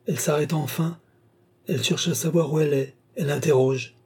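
A man reading the part of an entranced young woman who describes a distant vision in halting phrases, in an audiobook reading. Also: fairly high pitch, fairly even intonation, a little mellow, slightly rough. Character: entranced young woman seer, wide-eyed and fearful.

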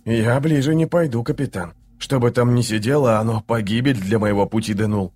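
A man voicing a frightened male army healer who speaks in a hushed, nervous way. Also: mid-range voice, brisk, close to an everyday voice.

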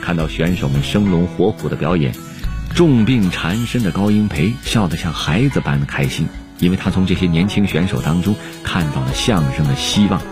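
A male radio host reads his script in a measured, formal manner. His voice is low, with guitar music clearly underneath. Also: animated. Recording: radio voice over music bed.

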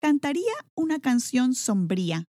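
A woman's voice: high voice, sing-song, normal speed, mellow, pitched above the performer's own voice. A woman voicing a stubborn, brave little male rooster in a storybook, defiant and plaintive. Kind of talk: storybook character voice.

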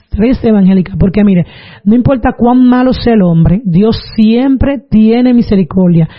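Earnest woman giving a religious testimony. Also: mid-range voice. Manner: earnest storytelling with preaching asides. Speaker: testimony giver. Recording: dull lo-fi recording.

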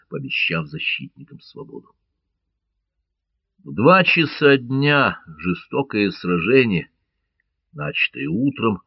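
A man reading an adventure audiobook in a measured, dramatic way. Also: fairly low pitch, creaky, no room sound, highs cut off. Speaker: narrator. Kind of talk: audiobook narration.

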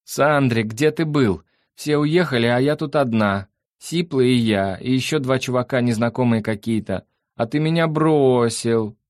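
A man voicing a flighty young party girl with a high thin voice who pesters with questions. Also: measured pace, hardly any pauses, no room sound, studio quality, close to an everyday voice. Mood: whiny.

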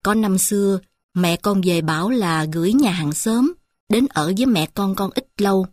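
A woman voicing a poor, grieving old village grandmother who murmurs softly and slowly to her granddaughter. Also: mid-range voice, no echo, clean studio sound, natural voice. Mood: tender, sorrowful. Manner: soft, slow confiding murmur.

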